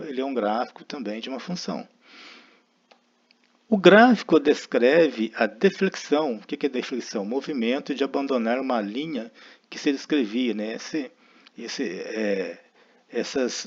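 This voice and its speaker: A man's voice: medium pitch, moderate pace, slightly rough. A man with a Brazilian Portuguese accent teaching a math lesson, explaining step by step and often checking in with his listeners. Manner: explanatory, frequent tag questions, thinking aloud. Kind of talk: recorded lecture. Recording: dull lo-fi recording.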